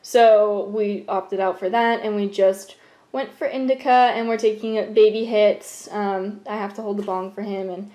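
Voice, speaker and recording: A woman's voice: mid-range voice, steady tone, unhurried, mellow. A young adult woman with an American accent talking casually on a home vlog. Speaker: vlogger and caregiver. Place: room at home.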